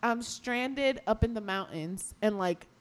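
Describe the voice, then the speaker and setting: A woman's voice: mid-range voice, a little slow. A young woman in a casual podcast chat, arguing her point in long rambling sentences full of fillers.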